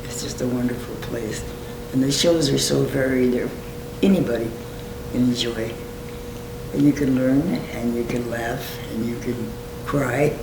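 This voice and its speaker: Man usher, warmly enthusiastic testimonial, roomy echo with an audible rumble behind. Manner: enthusiastic, chuckling. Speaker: volunteer usher. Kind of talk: interview testimonial. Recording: roomy recording with clear hum.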